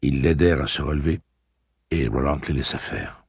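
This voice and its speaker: A man narrating an audiobook in a measured, solemn manner. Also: rumbling low, breathy edge, dry recording, clean studio sound. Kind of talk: scripted narration.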